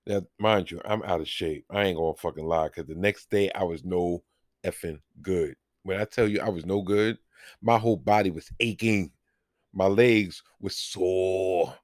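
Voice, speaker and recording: A man's voice: low-pitched, moderate pace, no room sound, studio quality. A man, hosting a podcast and telling a casual, profane story full of acted-out dialogue. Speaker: podcast host.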